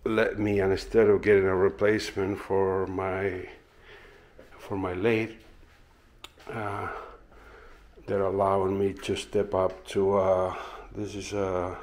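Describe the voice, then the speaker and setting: Slow and low-pitched, a man who owns a woodworking channel tours his backyard garden outdoors before heading into his indoor workshop. He holds the camera himself and talks in a loose, relaxed, rambling way, peppered with fillers.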